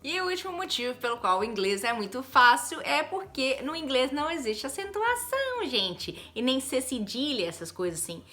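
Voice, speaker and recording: A Brazilian woman teaching English in a chatty, lively video lesson, often adding quick tag questions. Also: high-pitched. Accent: Brazilian Portuguese.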